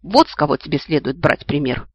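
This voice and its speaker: A man voicing a preachy old female elf ghost, a grandmother with a shrill, moralizing voice. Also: animated, brisk, slightly rough, no echo. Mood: scolding.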